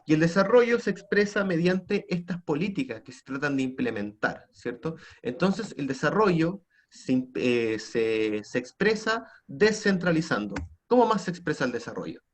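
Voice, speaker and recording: A man's voice: on the high side, big pitch swings, moderate pace, few pauses. A man teaching an online class with a Chilean Spanish accent, prompting students with frequent tag questions. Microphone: computer mic on a video call.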